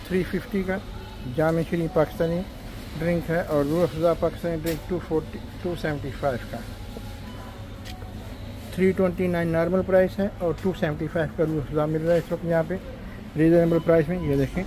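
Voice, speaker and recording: Over a noisy shop background, a man with a slightly high voice, fairly even intonation, and a fairly quick pace vlogs casually while walking supermarket aisles. He chats, lists prices, and sprinkles in polite words like "ji" and "janab".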